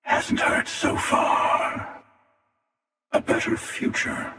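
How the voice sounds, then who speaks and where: Pushed and bright, this male voice delivers video game lines as a world-weary, cynical interdimensional hunter, gravelly and creaky with a slow, sardonic, taunting manner. The mood is menacing and confident, and cavernous reverb leaves the voice sounding far away.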